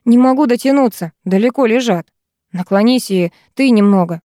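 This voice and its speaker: A woman's voice: on the high side, moderate pace, no room sound, studio quality, close to an everyday voice. A woman doing a teasing, mocking teenage boy. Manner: calm mocking drawl.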